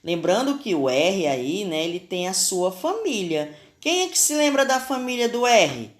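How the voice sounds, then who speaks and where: Her pitch swings widely around a medium level as she works through a recorded spelling lesson for kids at a measured pace. The teacher has a Brazilian Portuguese accent and sounds out letters and syllables with care.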